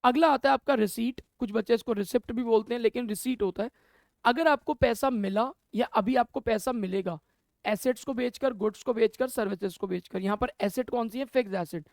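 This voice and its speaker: A man's voice: very high-pitched, brisk, vocal fry, dry recording. A man teaching an accounting class, talking to students, asking questions and answering them himself, mixing Hindi with English terms. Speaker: commerce teacher. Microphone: camera mic.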